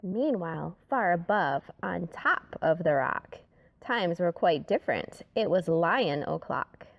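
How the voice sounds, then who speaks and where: A woman reading a rhyming children's story aloud in an expressive, dramatic way, sometimes dropping to a hush. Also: fairly low pitch, slow, creaky, dull audio.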